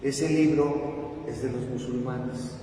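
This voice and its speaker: A man's voice: medium pitch, steady tone, slow pace, mellow. A man with a Mexican accent, a priest giving a didactic catechetical talk to his congregation, emphatic and spelling words out for his listeners. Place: church or parish hall. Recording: echoey hall, voice far from the mic, faint background noise.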